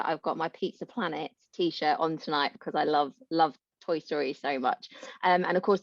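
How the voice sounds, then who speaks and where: A woman guest on a podcast, chatting in a bubbly, animated, self-mocking way. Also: on the low side, dry recording. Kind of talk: casual podcast chat. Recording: dull, slightly lo-fi dry sound.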